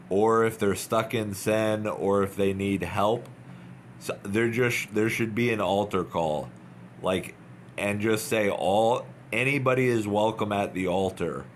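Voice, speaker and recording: Slow, earnest man urging, low voice. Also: slight background noise. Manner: earnest, urging, repetitive, halting. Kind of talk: informal devotional talk, unscripted.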